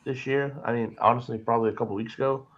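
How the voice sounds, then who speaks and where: A man's voice: mid-range voice, steady tone, fast talker, a bit bright, muffled recording. A sleepy man in casual betting chat, reeling off team stats before he makes his pick. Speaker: co-host.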